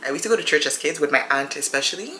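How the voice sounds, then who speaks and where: Quick, chatty woman in her thirties for a get-ready-with-me vlog; low, bright voice in a roomy space. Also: expressive. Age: 30s. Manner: chatty and rambling, addresses viewers as friends. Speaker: beauty vlogger. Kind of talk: get-ready-with-me casual chat. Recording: roomy echo with faint music behind.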